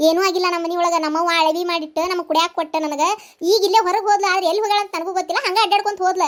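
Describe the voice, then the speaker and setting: Performer voicing a cheeky cartoon child, North Karnataka accent, very high and quick, brisk. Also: little pitch movement, fairly bright tone. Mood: insistent. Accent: North Karnataka Kannada. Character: cheeky young child, quick to argue back.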